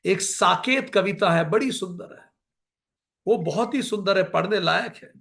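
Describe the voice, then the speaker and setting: A middle-aged man giving a devotional scripture discourse, reciting verses slowly and mixing English phrases into his talk. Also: high-pitched, gravelly, fairly bright tone. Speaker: spiritual discourse speaker.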